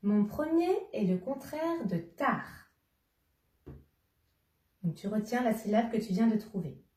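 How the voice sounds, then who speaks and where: Speaking straight to a young child, a female teacher sets riddles with slow patience and goes over each clue again. She has a mid-range, very animated voice that's a little mellow, captured by a somewhat distant mic in a roomy space.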